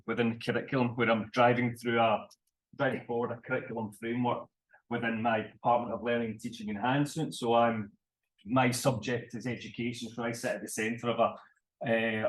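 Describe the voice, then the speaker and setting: A man's voice: medium pitch, low-quality recording. Man giving an academic conference talk. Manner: thoughtful, self-correcting, deliberate. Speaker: conference presenter. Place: conference room.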